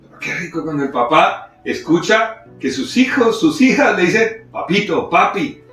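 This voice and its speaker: A Colombian man preaching a sermon as pastor, his voice swinging between loud high bursts and quiet low stretches. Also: very animated, moderate pace, very echoey, recorded from a distance, faint music behind. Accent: Colombian Spanish. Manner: preaching with sudden rises and drops in pitch and loudness. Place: church.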